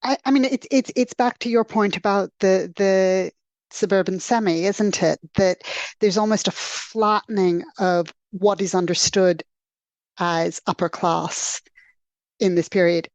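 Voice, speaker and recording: A woman's voice: medium pitch, fairly even intonation, measured pace, darkish tone, no echo. A woman hosting a podcast film discussion, building her points thoughtfully and at length. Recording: dry close recording.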